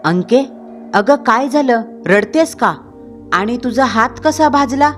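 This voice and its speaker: A woman's voice: fairly high pitch, lively intonation, takes it slowly, soft background music, voice pushed up. A woman voicing a raging possessed husband. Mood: worried. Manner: harsh shouting, scolding.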